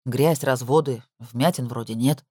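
A weary male police captain in an audiobook, pitched low and drawling his words out slowly, as the narrator voices him. He sounds dry and skeptical, close to the mic with no room sound. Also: darkish tone, slightly rough, no room sound. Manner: dry, laid-back, slow and reasoning.

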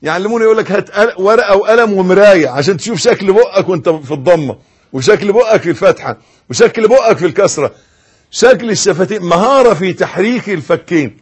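A man with an Egyptian accent gives a sermon in a slightly high voice. He hammers words through repetition, then drops to a near hush. His delivery moves through wide swings of loudness. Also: animated, quick pace, slightly rough. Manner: swings between loud emphatic bursts and soft hushed tones, repeating words. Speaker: preacher. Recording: audio recording.

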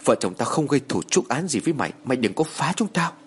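A man voicing a frightened husband who shouts fierce threats at a ghost to protect his wife. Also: mid-range voice, very animated, fast talker, slight background noise, close to an everyday voice. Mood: desperate, defiant.

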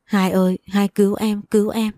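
A woman's voice: medium pitch, flat delivery, moderate pace, warm tone, dry recording, clean studio sound, close to an everyday voice. A woman voicing a scared young girl, the heroine's little sister, calling out in panic in a storybook reading. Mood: panicked.

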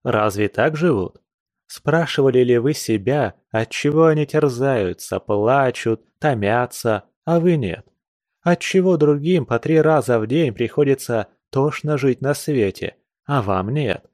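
A man's voice: medium pitch, animated, measured pace, a little mellow, no room sound, clean studio sound, natural voice. A man reading a classic novel aloud, voicing a passionate, earnest young nobleman with urgent, lecturing speech.

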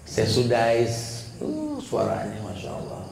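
Male preacher, gravelly, humorous and conversational, echoey room with faint noise. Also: fairly low pitch, wildly swooping pitch, slow, darkish tone. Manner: humorous, conversational, mimics voices to make points. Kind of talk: sermon.

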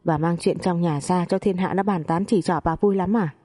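A proud, stern older father-in-law from a spoken family story, scolding with sharp questions. A woman gives him a low, warm-toned read. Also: fairly even intonation, moderate pace, lightly acted.

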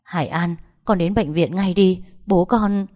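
A woman's voice: fairly low pitch, measured pace, mellow. A woman voicing a frightened older mother who pleads through tears in a spoken story. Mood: tearful. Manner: tearful, pleading. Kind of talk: audiobook storytelling.

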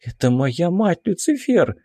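A man's voice: high-pitched, measured pace, no echo, clean studio sound, pitched above the performer's own voice, exaggerated voice. A man reading an audiobook, voicing an emotional young witch woman in a raised voice. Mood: alarmed. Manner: excitable, emotional. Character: fiery young red-haired witch woman.

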